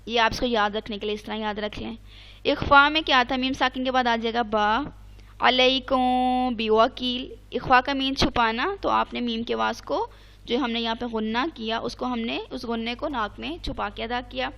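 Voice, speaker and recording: Brief: high, clear female teacher; patient online recitation lesson, repeats and checks. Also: pushed and bright. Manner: chants Arabic examples slowly.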